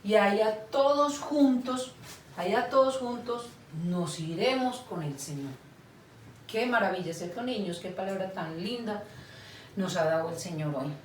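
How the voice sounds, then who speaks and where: Slow-speaking woman teaching children. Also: mid-range voice. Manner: slow, patient, asks children for agreement. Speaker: children's Sunday school teacher. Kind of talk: Bible lesson for small children. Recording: echoey room, far from mic, faint noise.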